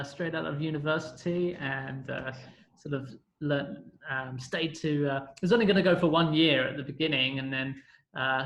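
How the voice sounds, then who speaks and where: A London man in his thirties, guesting on a podcast, tells his story in a rambling, self-correcting way during a casual storytelling interview. His voice is fairly high, gravelly and a bit bright, and the room echoes.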